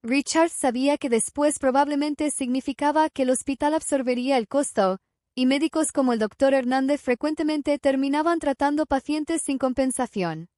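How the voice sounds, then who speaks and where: A woman narrating a dramatic story in an even, measured reading. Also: sits high, no room sound.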